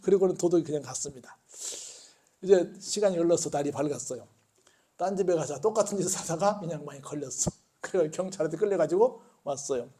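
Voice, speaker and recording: A male pastor delivers a sermon in a church, posing questions for the congregation to answer. His voice is high for a man, and he tells stories in a lively way. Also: fast. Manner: call-and-response questions, animated storytelling. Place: church sanctuary.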